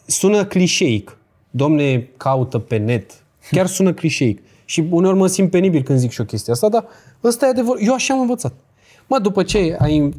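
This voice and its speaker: A man's voice: medium pitch, warm tone. A young man from Romania giving casual, blunt advice in a podcast chat, full of slang and rhetorical questions. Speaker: crypto guest.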